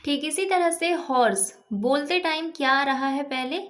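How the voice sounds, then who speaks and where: High-voiced woman teaching a grammar lesson. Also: moderate pace, fairly bright tone. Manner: patient, asks and answers own questions. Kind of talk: explaining English grammar lesson.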